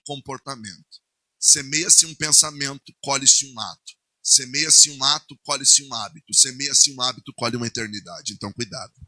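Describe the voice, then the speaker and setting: A male pastor with a Brazilian Portuguese accent preaching a sermon, swinging between loud declarations and hushed asides. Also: medium pitch, husky, no room sound.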